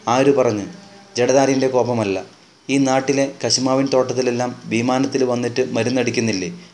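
A man's voice: medium pitch, steady tone, normal speed, a little mellow, a little hiss or hum, lightly acted. A man doing an indignant young beekeeper. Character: lanky, hot-headed young beekeeper. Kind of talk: audiobook narration.

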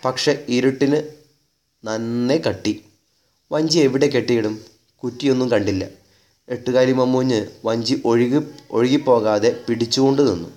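A man reading a story aloud in a measured, wry narrating manner. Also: medium pitch, steady tone, darkish tone.

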